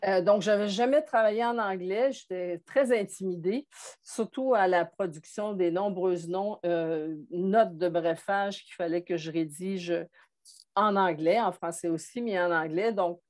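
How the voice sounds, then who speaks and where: Podcast guest: Québécois woman, sixties, measured and thoughtful, pauses often. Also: on the low side, darkish tone. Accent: Québécois French. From Montreal, Quebec. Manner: thoughtful, frequent hesitations. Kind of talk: conversational interview.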